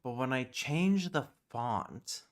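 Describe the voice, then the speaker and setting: Muttering to himself as he works on a casual livestream, a man who grew up with British Sign Language quickly grows exasperated and swears under his breath. He speaks slowly, with a medium-pitched, expressive voice.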